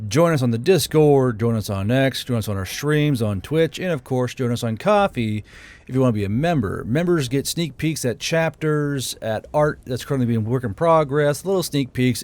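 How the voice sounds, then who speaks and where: Over background music, a man with a medium-pitched, slightly mellow voice reads from a fiction audiobook he produced himself. He's an amateur author who also hosts the channel and gives casual shout-outs to its members.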